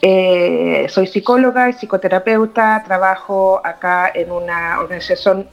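A woman's voice: medium pitch, fairly even intonation, a little slow. Hesitant woman on a dull call line. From Chile. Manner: hesitant, lots of "eh" fillers. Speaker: psychologist guest. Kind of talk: remote radio interview.

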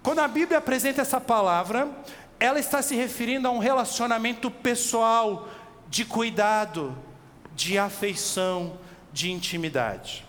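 A man with a Brazilian accent preaching an expository sermon, animated, asking his listeners direct questions and slowing down on key words. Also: very high voice. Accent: Brazilian Portuguese. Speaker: pastor. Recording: long reverb with faint background noise.

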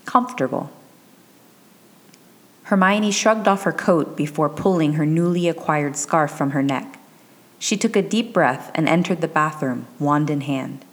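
A woman narrating a fan fiction chapter in a measured, even storytelling delivery. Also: low-pitched. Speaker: audiobook narrator.

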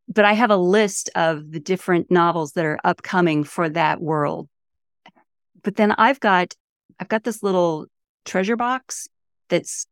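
A woman in her fifties from the St. Louis area of the USA speaks in a lowish voice, recorded dry with clean studio sound. She's an author appearing as a podcast guest, chatting enthusiastically in casual interview talk.

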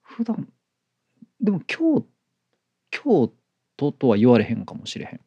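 A medium-pitched, gravelly, slightly rough man's voice, warm in tone, swings hugely in pitch while staying unhurried; the audio has no room sound and cut-off highs. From Kansai, with speech that blends Kyoto and Kobe, he co-hosts a casual podcast and repeatedly offers short agreeing words.

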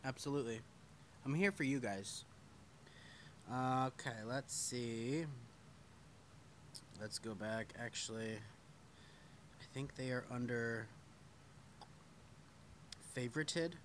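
A man's voice: medium pitch, slow, pauses often, a little hiss or hum. A man hosting a podcast live stream, chatting casually and reading viewer comments aloud, loose and self-deprecating, with the odd curse word.

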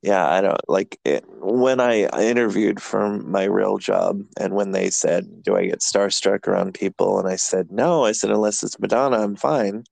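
A man's voice: lowish voice, moderate pace, gravelly, hardly any pauses, darkish tone, dry recording. A man hosting a podcast, chatting casually in a rambling, self-deprecating way and laughing often. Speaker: podcast host. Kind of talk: casual chat.

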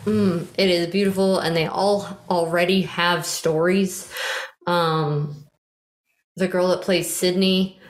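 A woman's voice: fairly low pitch, flat delivery, slow. Chatty woman in an echoey room. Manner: enthusiastic, chatty, many fillers. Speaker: podcast co-host. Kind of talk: casual chat about TV shows.

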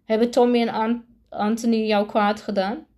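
A woman's voice: a little high, flat delivery, normal speed, a little mellow, close to an everyday voice. A woman reading as a worried mother. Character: worried mother of a troubled boy.

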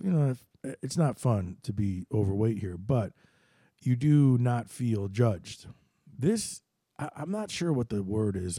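A man of middle age spins a rambling, self-deprecating story in a very dark, mellow voice. He keeps breaking into other people's voices. The sound is close and dry, with no room echo. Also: on the low side. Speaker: host. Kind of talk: casual storytelling monologue.

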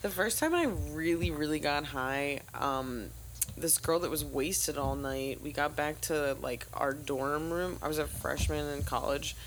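A woman's voice: sits low, a little slow, a little hiss or hum, poor audio. A young woman hosting a podcast, telling stories in casual chat and swearing freely. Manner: lively storyteller, swearing freely. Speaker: podcast host.

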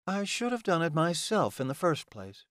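For an audiobook, a man voices a scornful, taunting female vampire, pitching his voice above his own natural one into a fairly high register with big pitch swings. She rants bitterly and insultingly, at an unhurried pace. The recording is studio quality with no room sound.

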